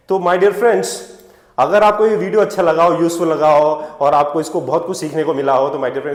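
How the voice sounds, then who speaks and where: A high-pitched male teacher gives a spoken English lesson. He explains in Hindi and stretches each English example out slowly. The room is echoey and has a long, ringing reverb. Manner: asks questions and answers them himself.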